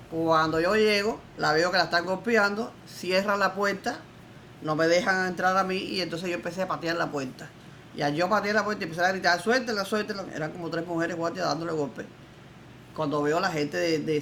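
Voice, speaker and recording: An older Cuban woman, a former political prisoner, gives emphatic and defiant testimony in an interview, speaking with a Cuban accent. Her voice is deep yet fairly bright, with vocal fry, and a slight hiss or hum sits on the recording.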